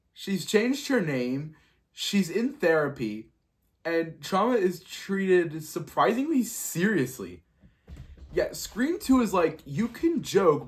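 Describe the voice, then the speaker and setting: A man hosting a podcast, reviewing a horror sequel on his own in a sarcastic, joking way and acting out audience reactions. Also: fairly high pitch. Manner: animated and sarcastic, doing mock audience reactions. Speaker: podcast host. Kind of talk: solo movie review.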